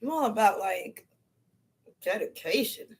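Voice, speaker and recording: In an unhurried mid-range voice that's creaky with a breathy edge and lively intonation, a woman delivers a casual livestream monologue at home alone. She chews while eating and talks in a slangy, playful, opinionated manner.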